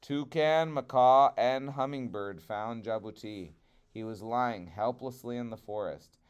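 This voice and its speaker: A man telling a children's trickster tale as storyteller, dramatic, with swelling phrases and hushed endings. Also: medium pitch, measured pace, smooth, dull audio. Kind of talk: expressive children's storybook narration.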